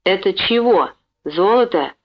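Lady reading as a grumpy deaf old fisherman guy, shouty and gruff, muffled lo-fi audio. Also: mid-range voice, lively intonation, unhurried.

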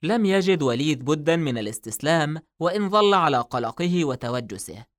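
A man's voice: a little high, lively intonation, a little fast, no echo, clean studio sound. Man narrating a novel aloud. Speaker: audiobook narrator.

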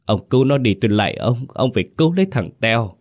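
A man's voice: low-pitched, moderate pace, darkish tone. A man voicing a doting older village wife, anxious and pleading, in a told ghost story.

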